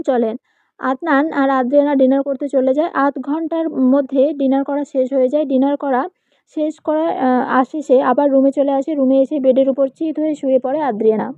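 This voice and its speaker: A woman's voice: sits high, no echo. A woman reading a romantic audio story aloud, doing every part herself with small slips. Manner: reads all parts herself, quick with small slips. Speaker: narrator. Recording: tinny phone-like, dry.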